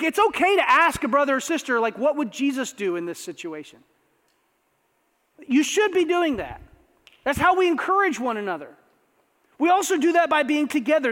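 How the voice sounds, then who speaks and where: A man preaching a sermon as pastor, conversational and animated, with asides to the congregation. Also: very high-pitched. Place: church sanctuary. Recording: long reverb of a church hall.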